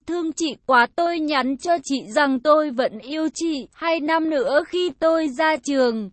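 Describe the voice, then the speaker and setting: High-voiced woman reading a story. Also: no echo. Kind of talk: scripted narration of an adult audio story.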